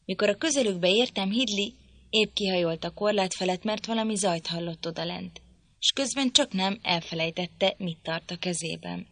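Woman reading an audiobook, calm and measured, dry close studio mic. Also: mid-range voice, dry recording. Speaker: audiobook narrator. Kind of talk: scripted narration.

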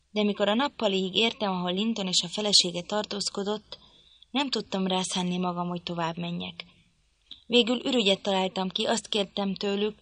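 A woman narrates a classic novel at a measured, even pace. Her voice is bright and clear. The recording is close and completely dry. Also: mid-range voice, dry recording. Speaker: audiobook narrator. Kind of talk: scripted narration.

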